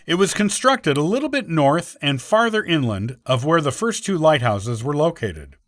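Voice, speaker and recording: A man reads a scripted history piece in a steady, prepared delivery. His voice sits a little high and moves in lively swoops of pitch. The sound is dry and close, with no room around it. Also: moderate pace, no echo. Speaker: podcast host.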